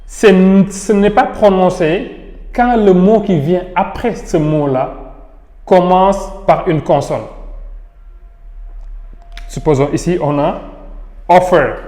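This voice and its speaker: Slow, echoey teacher. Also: male voice, high voice, warm tone. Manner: patient, repeats each rule and example slowly. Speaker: English teacher. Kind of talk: French-language pronunciation lesson. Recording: echoey room with long reverb.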